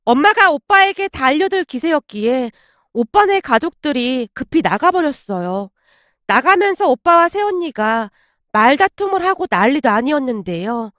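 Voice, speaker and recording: A woman's voice: high-pitched, a bit bright, no room sound, clean studio sound. A woman in her thirties narrating a personal family story in a chatty, confiding way.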